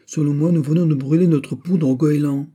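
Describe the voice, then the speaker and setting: A man's voice: on the high side, steady tone, normal speed, dark tone, pitched above the performer's own voice, close to an everyday voice. A man voicing a skeptical young midshipman who mocks his friend's heroics, in a storybook reading. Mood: wry.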